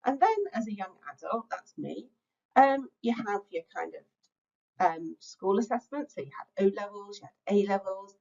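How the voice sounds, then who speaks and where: A middle-aged Englishwoman gives an online lecture to teachers as a teacher-training speaker, sounding reflective and conversational with plenty of filler sounds. Her voice is mid-range with a breathy edge, and the recording has its highs cut off.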